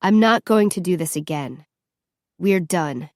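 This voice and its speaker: A woman's voice: lowish voice, animated, unhurried, dry recording, studio quality. A woman voicing a fiery, fed-up teenage girl who snaps sharply, in an audiobook. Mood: cold. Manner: sharp, exasperated yelling.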